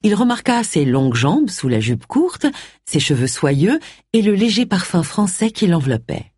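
Husky woman narrating a story. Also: lowish voice, sing-song, normal speed, darkish tone, dry recording, clean studio sound. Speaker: audiobook narrator. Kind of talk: scripted narration.

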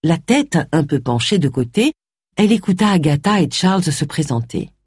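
A woman narrating a novel in a measured, expressive reading. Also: low-pitched, breathy edge, no room sound, studio quality. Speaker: audiobook narrator. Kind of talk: scripted narration.

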